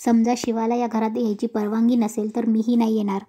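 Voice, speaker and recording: A woman's voice: a little high, little pitch movement, fairly quick, dark tone, husky. A woman voicing a determined young husband who firmly defends his wife. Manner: firm, earnest.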